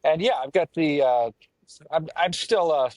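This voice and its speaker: A man's voice: on the high side, expressive, unhurried, a little mellow, dry recording. A man from the Pacific Northwest co-hosting a casual chat, rambling and self-mocking, often trailing off and restarting. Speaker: podcast co-host.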